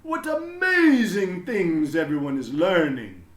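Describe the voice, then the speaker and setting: A man voicing a proud, exuberant male school principal in a children's storybook, with emphatic, drawn-out delivery. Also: sits high, animated, a bit bright, echoey room, voice pushed up, heavily acted. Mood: gushing delight.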